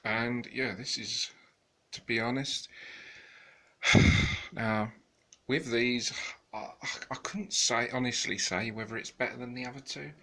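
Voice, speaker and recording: A man's voice: mid-range voice, steady tone, measured pace, long pauses, pushed and bright. A man giving a rambling, casual film review, full of fillers and restarts, tired and yawning. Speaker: home video reviewer.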